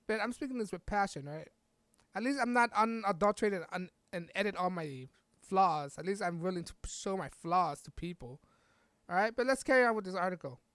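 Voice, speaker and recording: A woman's voice: mid-range voice, expressive, no room sound. Heated, stumbling woman podcast host. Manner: stumbling, halting reading with restarts; heated, scornful asides. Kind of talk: political commentary reading an article aloud.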